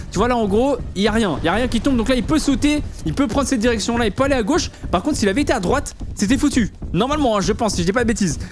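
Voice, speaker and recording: A man giving casual commentary on a game, explaining things to the viewer in informal, slangy language. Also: high-pitched. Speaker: gaming video host.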